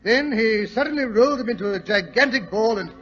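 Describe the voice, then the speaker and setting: A dull, vintage radio recording carries a genial older British doctor, pitched notably high. He spins his old adventures in a fussy, wordy, pompous way, like a proud storyteller in a 1940s radio play. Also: lively intonation, brisk, fairly bright tone, soft background music. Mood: reminiscing, jovial.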